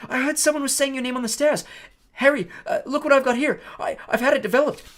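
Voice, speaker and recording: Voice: high-pitched, quick pace, fairly bright tone, voice pushed up. A reader voicing an eager, star-struck young schoolboy who gushes breathlessly and trips over his words. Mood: excited, gushing.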